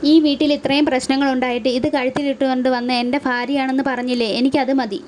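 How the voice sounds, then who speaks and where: A woman voicing a calm young husband who explains himself quietly in a retold serial. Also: sits high, brisk, noisy background, lightly acted. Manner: calm, reasoning.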